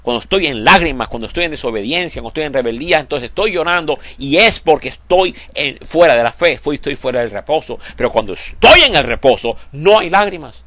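A man's voice: fairly high pitch, lively intonation, a little fast, hardly any pauses, no echo. Older man preaching a fervent sermon. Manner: fervent, repeats "hermanos santos" with a soft drop at phrase ends; stumbles and repeats words when moved.

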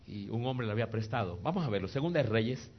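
A man preaching a sermon to a congregation in a church, emphatic and joking, swinging between shouts and soft, intimate passages. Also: on the low side, expressive, fast, breathy edge. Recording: dull lo-fi sound with faint noise.

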